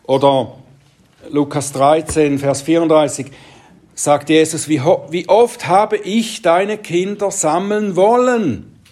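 Slow, deliberate male preacher. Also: a little high, fairly even intonation. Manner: slow, deliberate, trails off into quiet asides. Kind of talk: Bible teaching sermon.

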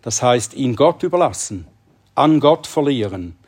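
A man preaching a sermon in an earnest, emphatic way, often dropping to a hushed tone to stress a point. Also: mid-range voice, expressive, unhurried, slightly rough. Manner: earnest, emphatic delivery with dramatic drops to a hush.

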